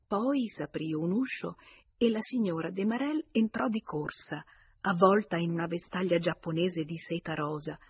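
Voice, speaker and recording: A woman narrating a classic novel in a steady, measured reading voice. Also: lowish voice, slightly rough, no room sound. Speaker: audiobook narrator. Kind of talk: scripted narration.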